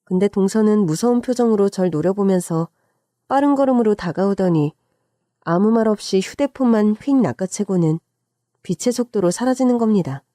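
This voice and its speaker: A woman's voice: medium pitch, lively intonation, moderate pace, warm tone, dry recording, clean studio sound. A woman narrating a scripted story in the first person, in a chatty, confiding way.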